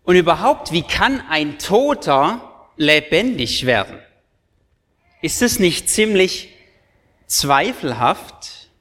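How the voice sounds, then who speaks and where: A doubting inner voice, put on by a male preacher, asks slow, suspicious questions. It sits a little high for a man and drags each word out. A long church reverb trails behind it. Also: sing-song, a bit bright, full character voice. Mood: skeptical.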